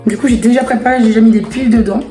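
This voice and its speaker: A woman chatting casually to viewers as a vlogger, her voice hoarse and raspy, as if nearly lost. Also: a little high, steady tone, rapid-fire, warm tone. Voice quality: raspy, strained from laryngitis. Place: echoey room indoors. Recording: echoey room with background music. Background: music.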